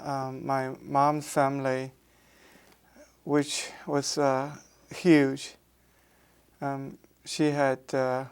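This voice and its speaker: Speaking English with a Beijing Mandarin accent, a Beijing-born man in his sixties whose first language is Mandarin gives an oral history interview. The architecture professor has a smooth, clear, medium-pitched voice, talks slowly and fairly flatly, and pauses often with many fillers and restarts.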